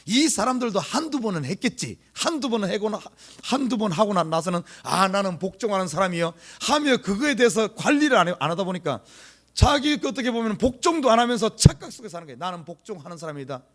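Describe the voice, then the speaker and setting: A middle-aged male pastor with a Gyeongsang Korean accent preaches an early-morning sermon in a church sanctuary, repeating key words for emphasis and posing rhetorical questions to the congregation. His voice sits high, with a quick pace, a fairly bright tone and a very animated delivery.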